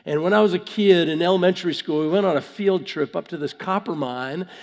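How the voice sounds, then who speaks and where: A man preaching conversationally with a gravelly voice affected by a cold, halting and repeating words as he stresses his points. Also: high voice, darkish tone. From Vancouver, Canada. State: has a cold. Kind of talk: conversational sermon. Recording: long hall reverb.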